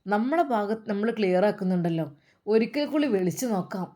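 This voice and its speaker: A woman voicing a calm young adult son who reasonably persuades his mother. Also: medium pitch, a little fast, lightly acted. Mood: persuading.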